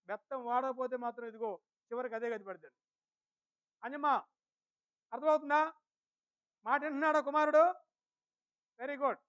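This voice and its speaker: A male preacher with a notably high voice delivers a Sunday sermon in church and keeps questioning the congregation. His words turn slow and weighty when he reads scripture, and the recording sounds dull and lo-fi. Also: steady tone, a bit bright, smooth. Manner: questions the congregation and calls on people by name. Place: church service.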